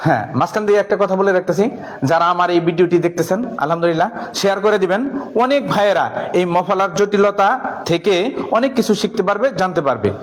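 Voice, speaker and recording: A man from Bangladesh, teaching in a classroom with a board. He leads the class in call-and-response drills and slow chanted rhymes. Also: high voice. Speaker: madrasa teacher.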